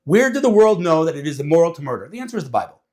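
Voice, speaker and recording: Animated man, lively voice. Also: fairly high pitch, rapid-fire. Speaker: speaker. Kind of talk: casual talk to an audience.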